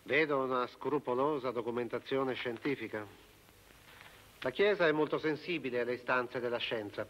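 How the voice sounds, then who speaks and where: An actor playing a dignified male cardinal who speaks in a slow, measured way, in a film comedy. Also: medium pitch, a bit bright, dull audio, slight background noise, natural voice. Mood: solemn.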